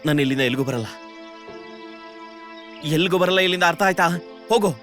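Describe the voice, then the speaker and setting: A man's voice: sits high, brisk. An actor dubbing a grieving young man who lost his sister in a forest and turns to threats, in a film soundtrack with music under it. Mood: bitter. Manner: anguished shouting and threats. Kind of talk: Kannada film dub.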